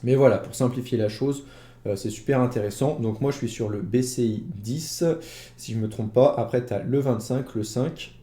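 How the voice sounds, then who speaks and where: A man's voice: medium pitch, moderate pace, warm tone, roomy sound. A man casually walking viewers through an investing platform, chatty and full of fillers. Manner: chatty, many fillers, addresses viewer directly. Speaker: investing YouTuber. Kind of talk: casual screen-share walkthrough.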